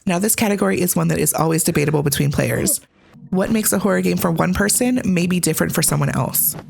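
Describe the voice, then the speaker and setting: A woman's voice: on the low side, fast talker, vocal fry, a little mellow, a little hiss or hum. A woman hosting a scripted game review, with a conversational, opinionated delivery. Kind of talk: scripted video review narration.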